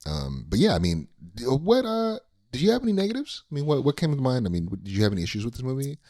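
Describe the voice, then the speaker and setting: A man co-hosting a casual movie review podcast, talking in a relaxed, rambling way with lots of fillers. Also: mid-range voice, fast talker, no echo, clean studio sound. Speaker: podcast co-host.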